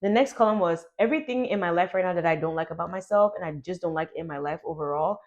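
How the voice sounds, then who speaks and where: A young adult woman telling a personal story to her vlog audience in a chatty, animated way, full of "like". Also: lowish voice, fast. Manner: chatty, animated, heavy use of "like". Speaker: YouTuber.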